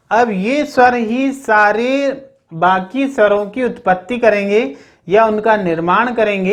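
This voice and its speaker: In a recorded grammar lesson, a teacher with a steady, mid-range pitch keeps asking the students questions and then answering them. Brief check-ins like "okay, remember this" come up again and again.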